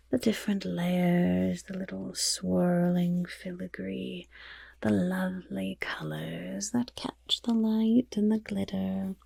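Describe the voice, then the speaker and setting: In this ASMR fantasy roleplay, the friendly goblin rogue she portrays speaks in a fairly low, exaggerated, breathy and raspy whisper with genteel, gently encouraging wording. The mood is admiring and musing, with no room sound at all.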